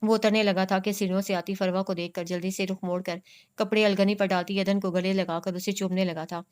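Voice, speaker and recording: A woman narrating a romance novel in a steady, measured way. Her voice is clear and smooth, with a flat, even pitch that barely moves. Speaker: novel reader. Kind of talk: scripted narration.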